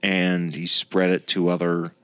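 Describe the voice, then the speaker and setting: A man hosting a podcast, casually explaining comic books in a halting, rambling way. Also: low voice, completely flat delivery, fairly bright tone, smooth, no echo. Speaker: podcast host.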